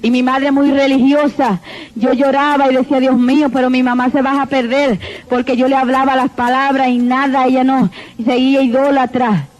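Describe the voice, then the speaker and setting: A woman's voice: high voice, level tone, moderate pace. A woman giving a fervent church testimony, repeatedly calling out to the congregation. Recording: dull lo-fi recording.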